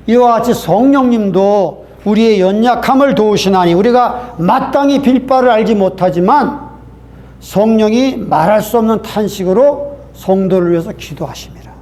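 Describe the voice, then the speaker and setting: A man's voice: very high voice, a little mellow. A male pastor delivering a Sunday sermon, telling a story earnestly and asking the congregation rhetorical questions.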